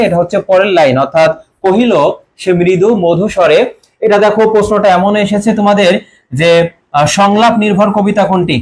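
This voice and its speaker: In a live online class preparing students for admission exams, a young coaching teacher with a Bangladeshi Bengali accent and a high voice asks questions repeatedly, supplies the answers himself, and calls out the names of people commenting.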